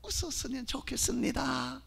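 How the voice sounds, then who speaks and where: A man performing a comedic gospel show at a church service, calmly setting up lines for his character. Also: extremely high pitch, moderate pace, vocal fry.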